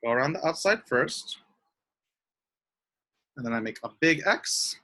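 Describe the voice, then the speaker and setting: Animated sing-song teacher on a video call. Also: mid-range voice, unhurried. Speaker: elementary school teacher. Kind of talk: online craft lesson for young children.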